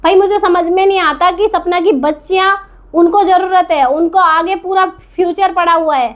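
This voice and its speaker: A woman's voice: extremely high pitch, steady tone, normal speed, highs cut off. A woman giving an indignant, scolding commentary to camera, firing rhetorical questions and repeating her points for emphasis. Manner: defiant, repeats herself for emphasis. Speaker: reaction vlogger.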